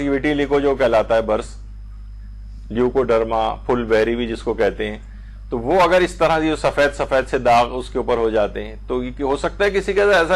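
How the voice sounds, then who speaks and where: A man with a Pakistani Urdu accent teaching a religious lesson, explaining points patiently and reciting short Arabic phrases slowly to show how the vowels change. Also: fairly high pitch. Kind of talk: lecture on Islamic jurisprudence.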